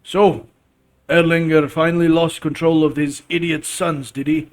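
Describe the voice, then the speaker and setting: A man voicing a mocking male village smith in a loud, blunt manner in a role-playing game. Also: fairly high pitch, level tone, a little slow, natural voice.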